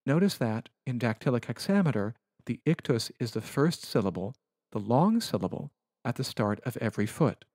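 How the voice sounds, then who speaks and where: A man at a mid pitch lectures on Latin verse in a careful, precise way, as if walking through slides. The recording is close and dry, with no room sound. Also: very animated, a little mellow, no room sound. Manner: measured, precise, explanatory.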